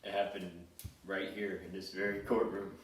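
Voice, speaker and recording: Low-voiced young man, hesitant witness. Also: completely flat delivery, a crowd in the background. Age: young adult. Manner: halting, hesitant testimony with fillers. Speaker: mock trial witness. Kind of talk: improvised comedy sketch. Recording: roomy echo, distant mic.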